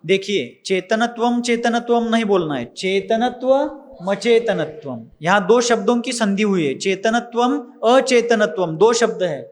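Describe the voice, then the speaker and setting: A man's voice: high voice, normal speed, hardly any pauses. A man teaching a religious text, patiently drilling pronunciation word by word and then explaining each term. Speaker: scripture teacher.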